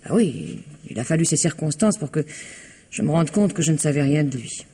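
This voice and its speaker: A husky, low-pitched woman's voice, a little fast and lively in intonation, delivers a full character performance. She plays a proud, reserved wife whose husband is missing, guarded yet emotional under questioning and at times sinking to a hush, in a 1960s French radio drama.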